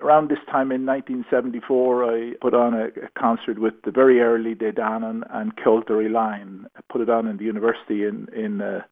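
A man's voice: mid-range voice, level tone, fairly quick, hardly any pauses. A man in his sixties with a Galway, west of Ireland accent, chatting hesitantly as an interviewee over the phone. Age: 60s. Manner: hesitant, repeats words as talk unfolds. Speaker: concert promoter being interviewed. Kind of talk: casual radio phone interview. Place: on a phone call to a radio show. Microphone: telephone. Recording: thin, narrow-band phone line.

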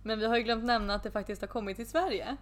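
A young woman co-hosting a casual podcast chat, telling a funny dating story with lots of laughter and quoting messages in English. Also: on the high side. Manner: giggly storyteller, acts out chats in English. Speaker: podcast co-host.

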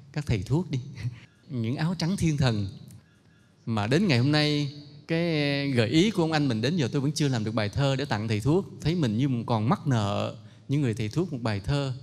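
A man speaks at a middle pitch, telling stories in an unhurried, gently reflective way. His voice rings with a long reverb, as if heard in a large hall. He speaks as though giving a moral talk.

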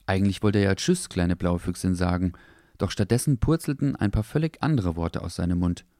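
Deep calm storyteller man. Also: fairly quick, dry recording, clean studio sound. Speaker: narrator. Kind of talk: children's story narration.

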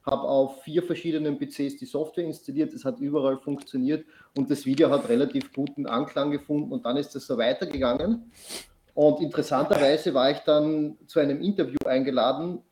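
Man, podcast guest, rambling anecdote with lots of fillers, mid pitch, roomy echo. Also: fairly even intonation, a little fast, darkish tone. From Austria. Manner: rambling storyteller with many fillers and restarts. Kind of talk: casual chat.

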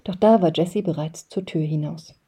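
A woman reading an audiobook aloud in calm, measured first-person narration. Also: low-pitched, breathy edge. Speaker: reader.

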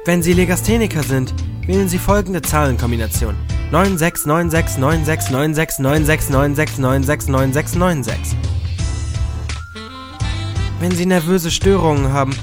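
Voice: mid-range voice, normal speed. A polite, formal announcer reads a scripted joke answering machine message for a hotline. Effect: recorded answering machine greeting. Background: music.

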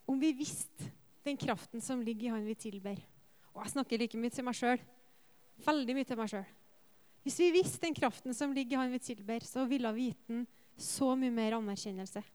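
Woman preacher, smooth clear voice a touch high, earnest sermon with lively anecdotes. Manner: rhetorical questions to the congregation. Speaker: preacher and worship leader.

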